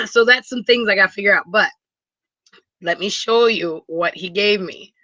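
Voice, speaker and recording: Bright-voiced woman from wisconsin rambling on a live chat from her rv, dull lo-fi sound. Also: mid-range voice, a little slow, dry recording. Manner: chatty and rambling, with many restarts; excitable. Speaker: live stream host. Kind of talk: casual live chat with viewers. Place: inside a motor home. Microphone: computer mic for a video hangout.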